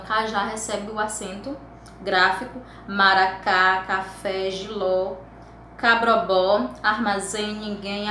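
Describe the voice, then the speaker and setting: A Brazilian Portuguese-speaking woman teacher giving a recorded lesson, explaining patiently and slowing down to spell out word endings. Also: mid-range voice, bright, forceful tone, echoey room, slight background noise.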